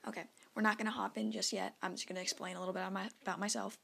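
A woman's voice: mid-range voice, little pitch movement, rapid-fire, creaky, a bit bright, a little hiss or hum. A fifteen-year-old girl hosting a casual solo podcast, speaking in a nervous, self-conscious, apologetic way. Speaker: podcast host.

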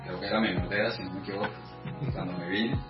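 A Venezuelan man in his thirties, a guest artist, telling his story in a casual interview with many thoughtful pauses and fillers. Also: low voice, steady tone. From Venezuela, the llanos. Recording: echoey room, distant lo-fi mic, music.

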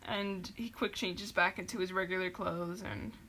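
Giggly young woman recapping, bright voice. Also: on the low side, steady tone, normal speed, slight background noise. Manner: rambling, filler-heavy, giggly. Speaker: podcast host. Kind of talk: casual chat recapping a show.

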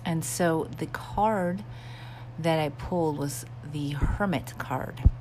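A woman's voice: low voice, slow pace. A woman podcast host chatting casually in a hesitant, confiding way, recorded in a small bathroom at home with a fan running. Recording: bathroom with steady fan hum. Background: humming bathroom fan.

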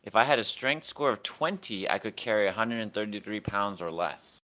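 Guy at a tabletop game, lowish voice but bright, chatting casually. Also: animated, brisk. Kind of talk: casual chat.

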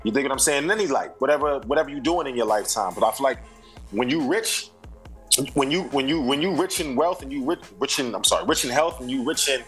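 In a casual interview with poor audio, a guest who raps and sings talks fast in an ordinary middle pitch. He's a man in his thirties from Brooklyn with a New York accent, relaxed and reflective, heavy on slang and fillers, while faint music plays behind him.

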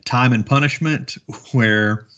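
A man's voice: mid-range voice, slow pace, fairly bright tone. A man in his thirties co-hosting a podcast in casual chat, rambling with many fillers and chuckling as he goes. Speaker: podcast co-host. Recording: dull lo-fi podcast audio.

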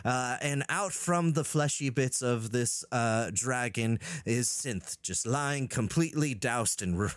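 A man's voice: on the high side, slight background noise. A man running a tabletop game as game master, narrating with many fillers. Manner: rambling with many fillers, laughs while narrating.

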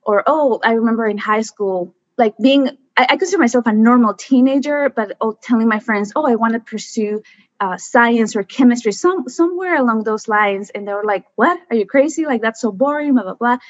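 A woman, a guest telling her story in lively, chatty talk full of fillers. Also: a little high, brisk, no echo, dull audio. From Mexico. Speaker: guest, environmental scientist. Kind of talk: casual conversation.

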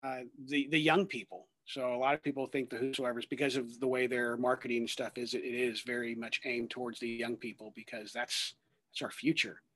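A man's voice: mid-range voice, level tone, fairly quick, fairly bright tone, no echo. A man in his thirties, a ministry worker and guest, talking earnestly in a rambling way with many fillers and restarts. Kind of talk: conversational testimony.

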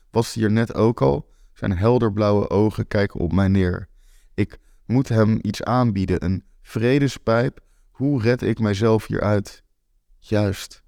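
A man with a lowish voice tells a first-person story in an anxious, racing inner monologue. The sound is close and dry, with no room around it. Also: creaky, darkish tone, no room sound.

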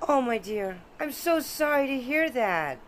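A woman's voice: high voice, lively intonation, measured pace, slight background noise. An actress playing a polite, grieving middle-aged neighbor and mother.

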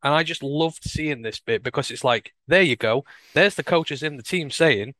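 A man's voice: on the high side, normal speed, sharp tone, no echo. A man talking casually and enthusiastically on a sports podcast, stressing his points. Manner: enthusiastic, emphatic, repeats words. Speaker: co-host.

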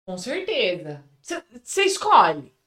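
A woman's voice: mid-range voice, wildly swooping pitch, slow pace, fairly bright tone, slight background noise. A Brazilian woman hosting a casual podcast, teasing her co-host with dramatic exclamations. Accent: Brazilian Portuguese.

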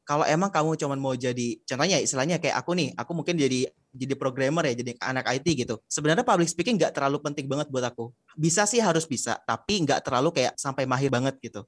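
Fast-talking young man, dry close sound. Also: mid-range voice, no room sound. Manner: relaxed and explanatory, with slangy fillers. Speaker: podcast guest, public speaking trainer. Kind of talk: casual podcast interview.

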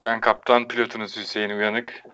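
A man putting on an airline captain's cabin announcement to passengers, slow and measured. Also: on the low side, little pitch movement, pushed and bright, clean tone, highs cut off. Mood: mock formal. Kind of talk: mock pilot announcement to passengers.

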